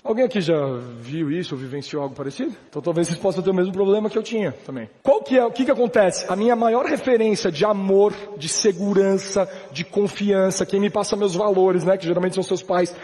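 A man's voice: sits high, brisk, few pauses, mellow, in a large hall. A man from Brazil giving a live motivational talk to an audience at a business event, emphatic and conversational, full of slangy asides. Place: large hall with a live audience.

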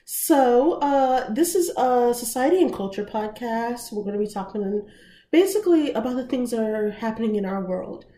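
A woman in her twenties co-hosting a podcast, chatty and quick to laugh. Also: fairly high pitch, animated, dark tone. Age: 20s. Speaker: podcast co-host. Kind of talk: casual chat. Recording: echoey room, faint background noise.

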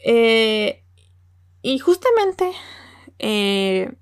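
A woman's voice: on the high side, very animated, extremely slow, clean tone, dry recording, studio quality. A young Mexican woman with a Mexican Spanish accent, talking casually and emotionally to viewers about an anime, often repeating words. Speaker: anime reviewer.

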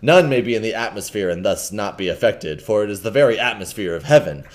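A man's voice: lowish voice, lively intonation, fast talker, lightly acted. A man doing a ranting old hermit monk. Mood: awed. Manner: solemn archaic preaching, swinging to angry.

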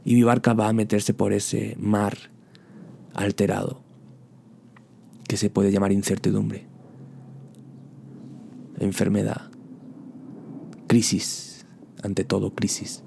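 A man's voice: fairly low pitch, completely flat delivery, slow pace, creaky, long pauses, a little mellow, a little hiss or hum. A man preaching a sermon in an impassioned way, building his points through repeated rhetorical questions and direct appeals to the listener.

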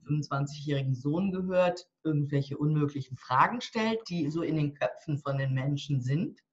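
A woman turning 60, speaking low at a moderate pace, appears as a guest in a casual interview. A divorce coach and author, she describes her coaching bluntly and with humor; the lo-fi audio sounds slightly dull.

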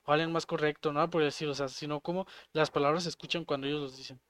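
A man's voice: fairly high pitch, steady tone, racing, fairly bright tone, no echo. A man with a Mexican accent from Jalisco, co-hosting a podcast in casual chat and explaining ideas with everyday examples. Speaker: podcast co-host.

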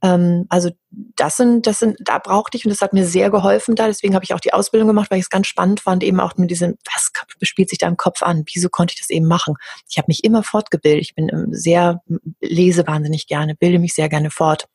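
A middle-aged woman speaking as an interview guest, earnest and animated, who sometimes acts out the voices of other people. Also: on the low side, fast talker, gravelly, slightly rough, dry recording, clean studio sound. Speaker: interview guest, hypnosis practitioner. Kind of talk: candid conversational interview.

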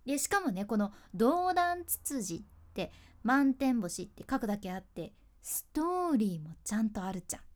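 Woman, a former announcer doing a relaxed solo chat, slightly high voice, chatty and easily amused. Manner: chatty, laughs often, asks listeners questions. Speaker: freelance announcer and speaking coach.

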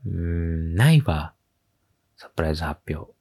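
A man hosting a casual solo radio show, telling a funny story with lively acted-out quotes and frequent laughs. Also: sits low, normal speed, creaky, breathy edge. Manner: animated storytelling, acting out quoted voices with laughs. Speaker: podcast host.

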